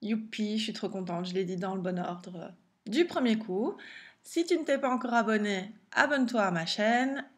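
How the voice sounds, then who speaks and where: A woman's voice: medium pitch, normal speed. A woman with a French accent, an online business coach talking casually to camera in a chatty style, full of fillers and restarts. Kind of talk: casual direct-to-camera vlog.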